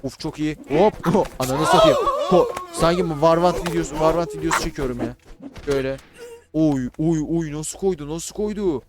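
A man giving casual, excitable commentary on a battle game, swearing and shouting at the units he controls. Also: a little high, normal speed. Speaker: gaming YouTuber. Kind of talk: casual Let's Play commentary.

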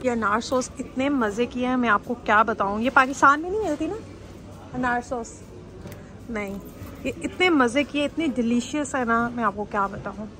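A woman's voice: a little high, normal speed, noisy background. A woman chatting casually as she films herself shopping in a big supermarket, exclaiming at prices and food. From Pakistan. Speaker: vlogger. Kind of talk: casual shopping vlog chat. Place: large indoor supermarket. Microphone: handheld phone camera. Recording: background music laid over.

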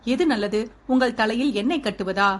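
Female narrator doing a stubborn young heroine, clipped and refusing, higher register. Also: moderate pace, natural voice. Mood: defiant. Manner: curt, defiant. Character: stubborn, frightened young widow.

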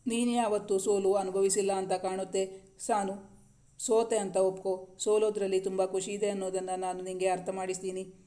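ಮಹಿಳೆ ಆಡಿಸುವ ಕಾಡಿಸುವ ಯುವ ಗಂಡ. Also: female voice, mid-range voice, little pitch movement, moderate pace, natural voice. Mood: teasing. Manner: teasing, soft-spoken. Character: teasing playful young husband.

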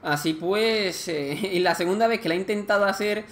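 A man with an accent from Spain, casually commenting on a game he plays, chatty and excitable with lots of slang. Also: high voice, normal speed, echoey room. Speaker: gameplay commentator.

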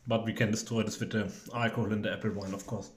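A man's voice: on the low side, little pitch movement, fast, echoey room, very noisy. A young man, chatting casually and hesitantly while trying food in a home cooking video. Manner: rambling, hesitant, joking. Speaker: cooking vlogger. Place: home kitchen.

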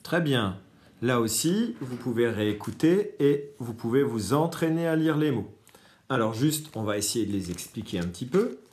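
A man's voice: medium pitch, expressive, moderate pace, a little mellow. A man teaching a reading lesson to young children, patiently stressing each key word.

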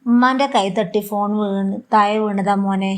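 Woman reading a meek old mother, pleading and soft, Malabar accent, storybook drama. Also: medium pitch, fairly even intonation, moderate pace, natural voice. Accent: Malabar Malayalam. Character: gentle, tearful elderly mother.

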